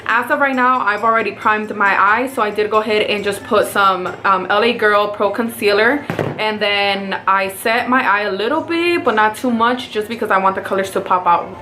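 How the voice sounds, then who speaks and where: A woman's voice: mid-range voice, moderate pace, pushed and bright, slight background noise. A woman with a Mexican accent, chatting casually through a makeup tutorial as a beauty vlogger and talking viewers through each step.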